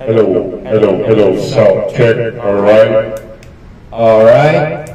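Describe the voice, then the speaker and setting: Deep pitch-shifted old-man voice changer, worked by a man, mic-check lines, distant and dull through a speaker. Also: takes it slowly, roomy sound, a crowd in the background. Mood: testing. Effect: deep pitch-shifted voice changer, old-man preset.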